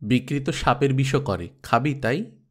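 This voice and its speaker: A man voicing an affectionate mother who scolds her little daughter gently, read as an audiobook character. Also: mid-range voice, moderate pace, close to an everyday voice. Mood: chiding. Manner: fond, gently chiding. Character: affectionate scolding mother, middle-aged woman.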